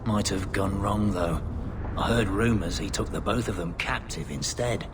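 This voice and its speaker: A man playing a gruff, weary old informant. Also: on the low side, moderate pace, background noise, natural voice. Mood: blunt. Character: weary older male street informant, blunt.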